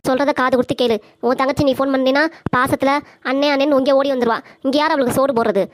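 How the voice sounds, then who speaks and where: A woman voicing a sharp-tongued, bossy young wife in a cartoon comedy, nagging and giving orders. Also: sits high, steady tone, quick pace, close to an everyday voice.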